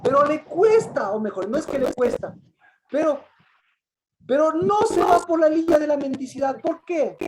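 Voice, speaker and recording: A woman's voice: high-pitched, animated, moderate pace, a little mellow, slight background noise, poor audio. A woman preacher giving an interactive sermon, asking the congregation questions over and over and acting out the voices she quotes. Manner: asks the congregation repeated questions; acts out quoted voices with rising emphasis.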